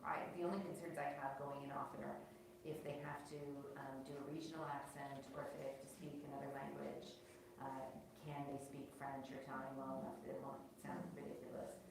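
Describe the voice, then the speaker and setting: Woman author chatting at a library talk, low voice, far from the mic, big echo. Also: level tone, fairly quick, few pauses. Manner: chatty, laughs easily, self-correcting restarts. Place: library event room. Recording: echoey room, distant mic, noisy.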